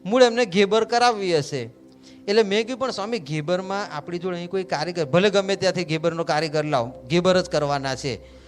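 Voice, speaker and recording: A man, a monk telling a devotional anecdote in a lively, humorous way, acting out the dialogue. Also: sits high, a little hiss or hum. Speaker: monk storyteller. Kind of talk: devotional storytelling.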